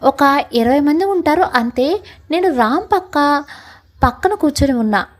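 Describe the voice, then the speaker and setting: A young woman with a high voice narrates a love story in the first person. Her reading is emotional and dramatic. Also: lively intonation, measured pace, low-quality recording.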